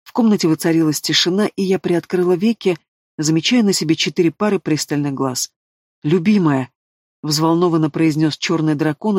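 A man's voice: a little high, no echo, clean studio sound. Man narrating a fantasy audiobook. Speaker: audiobook reader.

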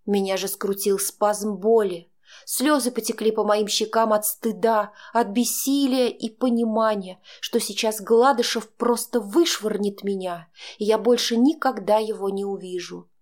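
A woman narrating a dramatic first-person audiobook in a measured storytelling manner. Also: mid-range voice, steady tone, darkish tone.

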